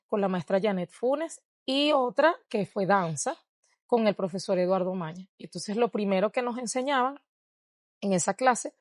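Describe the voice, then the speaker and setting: Animated and at normal speed, this Venezuelan woman's medium-pitched voice comes through in studio quality without echo. A dancer and researcher, she reflects on interview questions with frequent laughter and a Venezuelan Spanish accent.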